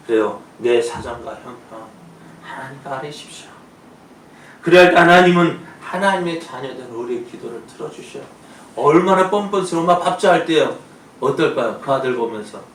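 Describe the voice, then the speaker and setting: A male pastor preaching a sermon, who swings between loud pleading and soft asides. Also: mid-range voice. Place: church sanctuary. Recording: echoey church room from a distance, faint noise.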